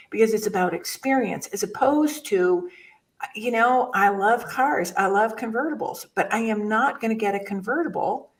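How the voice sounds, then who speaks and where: A woman's voice: a little high, recorded from a distance, rough recording. Older woman telling stories, off-mic. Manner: storytelling, rambling, self-interrupting. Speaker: guest, mindset chaplain. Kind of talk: casual conversation.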